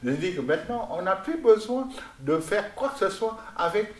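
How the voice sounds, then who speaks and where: A man's voice: sits high, very animated, normal speed. A man from Vietnam, a guest musician giving a rambling lecture on singing voices, often asking "n'est-ce pas?". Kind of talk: lecture with vocal demonstrations. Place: artist's workshop, indoors. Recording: roomy hall with faint noise.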